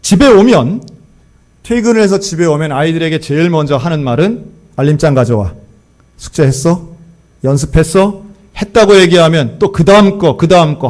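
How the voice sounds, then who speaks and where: A man preaching a sermon, telling a story and acting out the quoted lines in lively voices. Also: fairly high pitch. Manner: animated, acts out quoted dialogue. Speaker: pastor.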